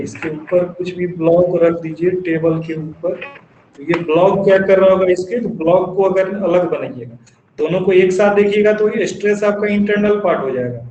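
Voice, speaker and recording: High-voiced man teaching in an echoey classroom. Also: a little mellow, lo-fi sound, a little hiss or hum. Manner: asks the class questions and answers them himself; dictates definitions slowly in English. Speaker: engineering teacher. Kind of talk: classroom lecture. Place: classroom with students. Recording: echoey classroom recording with faint ambience.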